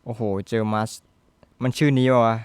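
A young man giving profane, excitable commentary over his own gameplay, swearing constantly and shouting at the game. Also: medium pitch, normal speed, heavy background noise. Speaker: gaming YouTuber.

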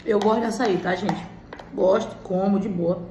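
A woman's voice: mid-range voice, fairly even intonation, normal speed. A Brazilian woman in her thirties making casual, short remarks to viewers while eating at home. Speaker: mukbang vlogger. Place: small indoor room at home. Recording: roomy echo, faint background noise.

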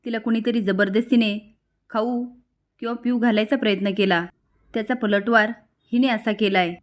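A woman voicing a sharp-tongued, suspicious female relative asking pointed questions in a serial recap. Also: fairly high pitch, steady tone, normal speed, close to an everyday voice.

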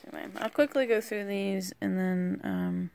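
A woman casually walking through a deck of oracle cards, rambling and hesitant with lots of pauses. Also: medium pitch, creaky, a little mellow, slight background noise. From rural United States. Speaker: vlogger. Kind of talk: casual card walkthrough.

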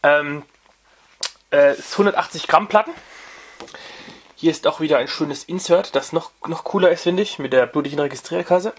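A man's voice: fairly high pitch, normal speed, pauses often, slight background noise. A young man hosting a casual record review, talking off camera with many fillers and restarts. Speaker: vinyl review channel host.

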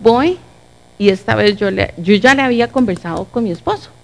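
A middle-aged woman with a Costa Rican accent tells a personal story at church. She is an animated storyteller who acts out each voice as she goes. Her pitch sits in the middle of the usual range. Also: a little fast, vocal fry. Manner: animated storyteller acting out dialogue. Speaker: church speaker. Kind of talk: testimony in a church talk.

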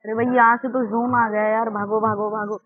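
A man, giving loud, excited commentary on his own gameplay as a channel host and calling out to his opponent. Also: sits high, a little fast, phone-quality sound, very noisy. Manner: loud, exclamatory, bossing his opponent around.

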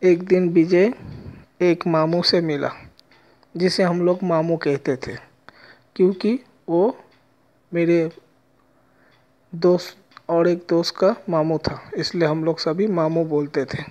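A man telling a personal story with a moral in a slow, halting way, with many pauses. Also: on the high side, steady tone, a little mellow. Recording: dull lo-fi recording.

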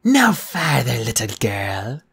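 An ancient cat goddess, towering and imperious, as a male storyteller plays her, giving orders in a haughty, husky voice. Her words swing from loud commands to low, dismissive drawls. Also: wildly swooping pitch, slow pace, full character voice. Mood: commanding.

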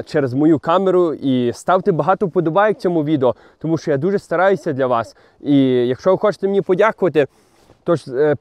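A man's voice: a little high, dark tone. A young man casually showing a basement apartment on a handheld phone camera, chatty with many fillers and restarts. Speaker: vlogger giving a home tour. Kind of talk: casual walking tour vlog. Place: outdoors in snow, then indoors in a basement apartment.

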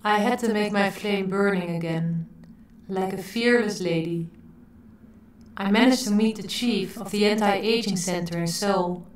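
A woman playing a calm, self-assured woman artist who speaks in a poised, declamatory manner. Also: mid-range voice, measured pace, a little hiss or hum, close to an everyday voice. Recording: roomy echo.

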